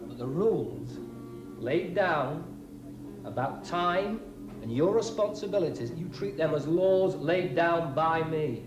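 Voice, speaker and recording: An actor playing a middle-aged schoolteacher, strict but joking, with an emphatic, lively delivery in a 1980s TV drama. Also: male voice, fairly high pitch, slow pace. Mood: stern, teasing. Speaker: schoolteacher briefing his pupils. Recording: roomy TV soundtrack with music behind.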